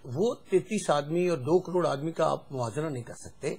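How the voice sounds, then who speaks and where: A man with a husky, somewhat high voice speaks as a politician on a talk show. He hesitates often and fills his pauses with drawn-out sounds before making his point. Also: a little mellow. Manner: hesitant, with many fillers. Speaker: politician guest. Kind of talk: political debate.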